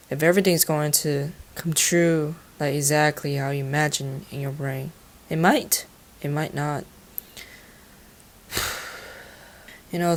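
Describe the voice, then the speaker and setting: Low-voiced earnest young woman from Taiwan. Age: 20s. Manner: earnest, musing, sometimes swearing. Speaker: vlogger. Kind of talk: reflective personal monologue.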